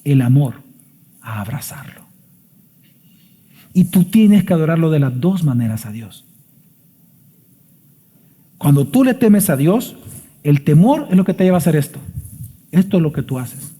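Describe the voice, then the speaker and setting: A man's voice: fairly high pitch, big pitch swings, normal speed, pauses often, warm tone, husky. A man, a pastor preaching an emphatic sermon full of rhetorical questions in a church sanctuary. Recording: long church reverb.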